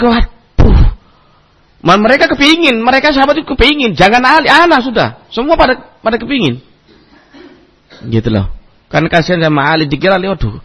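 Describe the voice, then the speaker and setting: A man giving a religious lecture as a preacher, telling a story in an animated way and acting out the people in it. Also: high voice, slightly rough. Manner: animated, acts out quoted voices, mixes in Arabic terms. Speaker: Islamic preacher.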